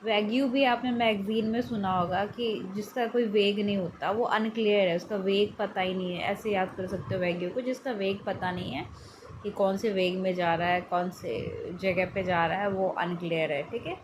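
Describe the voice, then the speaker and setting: A woman teaching English vocabulary in a relaxed, chatty way. She repeats each word to make it memorable, and her pitch sits in a middle range. Steady background noise runs under the recording. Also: moderate pace. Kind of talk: casual explanatory lesson.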